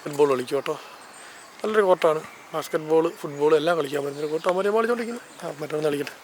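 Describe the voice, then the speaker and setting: Filming handheld as he walks through a seaside town and park, a travel vlogger with a Malayali accent narrates his casual vlog with enthusiasm, often correcting himself. His fairly high voice races along against a noisy background.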